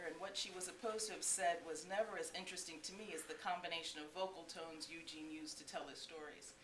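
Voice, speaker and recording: A middle-aged woman reads her own book aloud to a small audience, her tone bright and a little sharp, her pitch sitting low. She drifts into chatty asides and laughs along with her stories. The recording is roomy and echoey, picked up by a mic some distance away with a faint hiss. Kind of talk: live book reading with spoken asides. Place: bookstore, live audience. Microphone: distant room mic.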